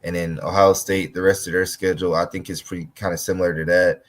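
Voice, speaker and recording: A man co-hosting a casual college football talk show, talking in a halting way with frequent restarts. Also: deep voice, little pitch movement. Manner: halting, stumbles and restarts often. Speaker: sports podcast co-host.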